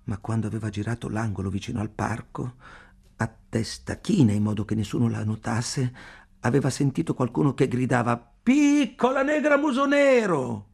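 A man narrating an audiobook in a measured, deliberate way. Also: mid-range voice, fairly even intonation, vocal fry, darkish tone, slightly rough.

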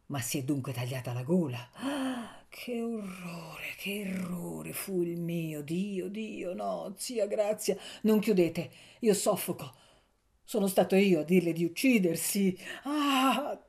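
A woman's voice: lowish voice, lively intonation, normal speed, mellow, natural voice. A woman voicing a grief-stricken young man who cries out in anguish and horror. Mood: horrified. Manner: anguished, crying out.

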